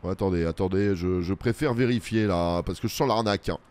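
A man's voice: deep voice, fairly quick, a little mellow. A man giving casual, chatty let's-play commentary, joking at his own expense and talking straight to his viewers. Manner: chatty, self-mocking, addresses the viewers directly; mutters running remarks to himself while playing.

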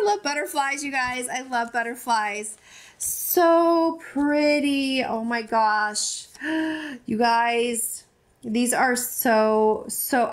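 A woman in her forties chatting casually on her vlog, effusive and gushing, rambling with frequent restarts. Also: a little high. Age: 40s. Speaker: vlogger. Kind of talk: casual chat opening fan mail.

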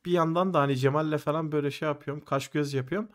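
A man in his twenties tells a personal story in a casual, animated way, swearing freely and acting out what his friends said. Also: on the high side, rapid-fire. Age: 20s. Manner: animated, swears a lot, acts out friends' quoted lines. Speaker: podcast host telling a personal story.

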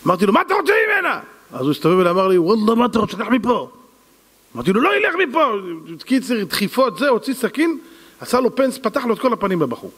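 Guy giving a sermon full of stories, acts out the people in them, echoey hall. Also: high voice. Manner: animated storyteller, voices quoted people, addresses audience as "gentlemen". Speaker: rabbi giving a lesson. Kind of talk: storytelling sermon. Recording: reverberant hall.

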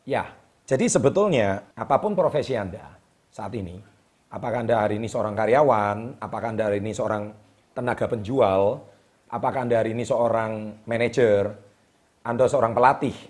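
A man's voice: on the low side, a little mellow, soft background music. Emphatic man giving motivational tips. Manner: emphatic, repeats key words with a drawn-out "ya". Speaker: host. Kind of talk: motivational talk to camera. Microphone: speaking straight to the camera.

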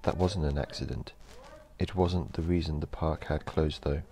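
A man narrating a horror story in a slow, measured storytelling delivery. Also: very deep voice, dark tone.

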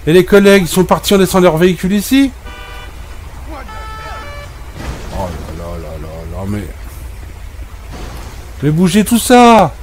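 A man's voice: high-pitched, wildly swooping pitch, moderate pace, long pauses, a little mellow, a little hiss or hum. A man giving comic role-play commentary over gameplay, scolding and exasperated in a joking banter. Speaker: gameplay video creator.

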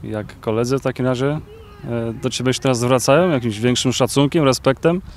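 A male sports reporter interviewing a player outdoors beside a pitch, asking long questions with filler sounds. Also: a little fast. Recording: faint outdoor noise.

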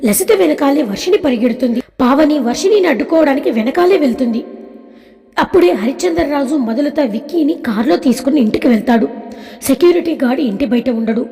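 A woman narrating a family drama story with a steady, plain reading. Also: sits high, a little fast. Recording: long reverb.

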